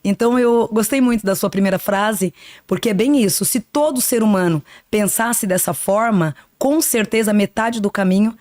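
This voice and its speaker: On a podcast, a psychic guest in her fifties reflects earnestly on spiritual topics, frequently tagging her sentences with "né." Her medium-pitched, darkish voice keeps a moderate pace, captured in studio quality with no echo.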